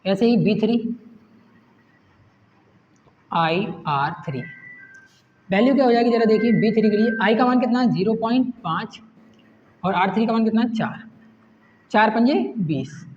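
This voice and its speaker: A man's voice: high voice, lively intonation, measured pace, pauses often, darkish tone. A male teacher explaining a problem step by step, putting questions to the class and answering them himself. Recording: echoey room, dull lo-fi sound, faint hiss.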